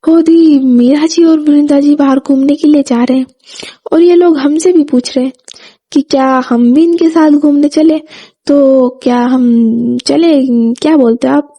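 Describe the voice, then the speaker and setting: Storybook: a woman doing a friendly young woman, polite and affectionate, high and soft. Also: fairly even intonation, unhurried.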